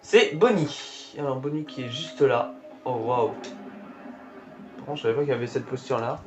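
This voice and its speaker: A man's voice: mid-range voice, steady tone, a little fast. A man giving casual, reactive commentary while showing characters in a game. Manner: reactive, exclaiming at what appears on screen. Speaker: gameplay commentator. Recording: dull lo-fi recording with faint game music.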